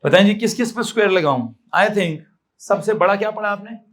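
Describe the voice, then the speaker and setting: A man with a Pakistani accent teaches a physics lesson in a classroom, and his voice sits high for a man. He fires questions at his students, repeats the answers back, and drops in English terms. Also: fairly quick. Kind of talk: classroom lecture.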